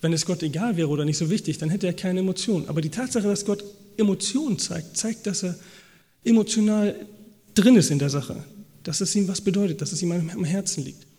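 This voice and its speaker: Brief: male preacher, mellow, slightly high voice, lively quoted dialogue, hall reverb. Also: brisk. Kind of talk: sermon. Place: church hall. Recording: long reverb of a church hall.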